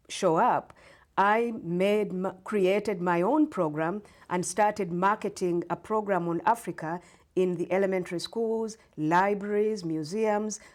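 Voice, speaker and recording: A middle-aged woman from Uganda is a guest on a local library show. She explains her background and her storytelling program in a measured, patient way. Her pitch sits in the middle range. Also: a little mellow. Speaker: guest storyteller and English professor. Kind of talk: interview answers.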